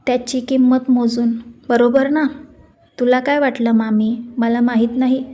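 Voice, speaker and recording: A woman's voice: a little high, unhurried, close to an everyday voice. A woman reading a firm, defiant young woman. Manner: firm, steady.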